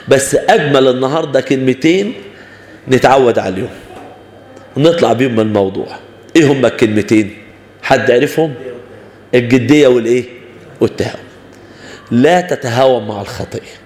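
A man with an Egyptian Arabic accent teaching a youth Bible class, asking the students questions and acting out examples. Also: mid-range voice. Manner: animated, asks the class questions, acts out examples. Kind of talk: lively church class talk. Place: church hall. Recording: echoey church hall with long reverb.

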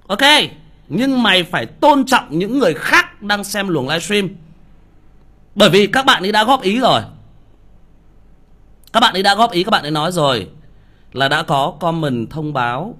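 A man's voice: high-pitched, animated, normal speed, long pauses, pushed and bright. A man who reads audiobooks on a livestream, scolding a viewer with profanity and rhetorical questions.

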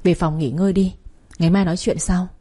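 Woman reading a terse cool guy, few words, low and husky. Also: steady tone, fairly quick, dark tone, natural voice. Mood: curt. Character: cool, curt grown man.

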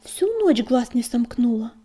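A woman reading a storybook and voicing an anxious, grieving young female healer cat in a hushed, breathy voice. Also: a little high, expressive, measured pace, faint music behind. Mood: uneasy.

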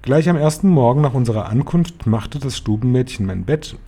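A man reading a children's novel aloud in a calm, even storytelling voice. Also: medium pitch, a little fast, breathy edge. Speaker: reader. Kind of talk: audiobook narration.

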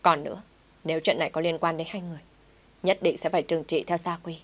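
A woman's voice: low voice, steady tone, quick pace. A woman voicing a stern, commanding older father who scolds his family in an audio story.

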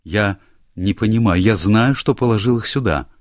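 A man's voice: on the low side, moderate pace, no room sound, clean studio sound, voice pushed up, natural voice. A man voicing a young, anxious male secretary who stammers and is eager to please, in an audiobook. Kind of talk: audiobook character voice.

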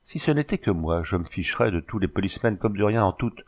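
Brief: man playing a blunt rustic carter, gruff and excitable, low voice. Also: fast talker. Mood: agitated.

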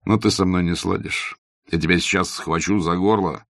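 A man's voice: deep voice, steady tone, moderate pace, a bit bright, dry recording, clean studio sound. A man voicing a scornful young nihilist who talks in curt, sarcastic jabs. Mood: mocking.

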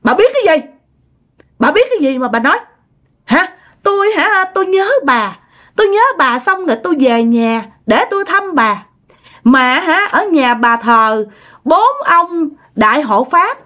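A woman's voice: sing-song, unhurried, bright, forceful tone, exaggerated voice. A woman voicing the angry, defiant spirit of a dead teenage girl speaking through a possessed relative in a told ghost story. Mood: resentful. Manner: snapping, shrill, accusing.

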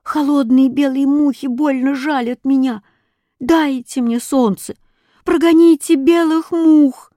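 A woman doing a high, pleading little boy. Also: fairly even intonation, measured pace, warm tone, dry recording, clean studio sound. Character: small shivering boy, pitiful and pleading.

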